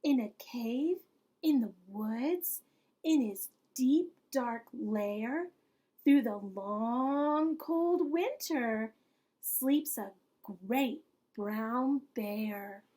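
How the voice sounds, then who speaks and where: A woman reads a children's storybook in a high voice that swings widely in pitch. She takes it very slowly, like a preschool teacher at storytime, and turns to her young listeners with questions. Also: animated, mellow. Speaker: preschool teacher reading a picture book aloud. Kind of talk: expressive children's storytime read-aloud.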